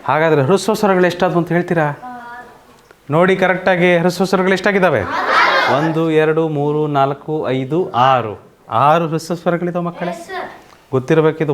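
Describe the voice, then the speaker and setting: A man's voice: on the high side, slight background noise. A man teaching children in an online coaching lesson, often asking checking questions and mixing in English words. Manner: quizzing, asks many checking questions. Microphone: single mic, online class recording.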